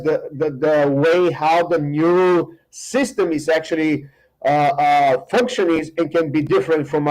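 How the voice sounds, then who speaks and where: A middle-aged man with a Bulgarian accent, a guest in a casual podcast interview, speaking haltingly with many fillers and restarts. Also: a little high, a little mellow, low-quality recording. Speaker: guest, firearms instructor.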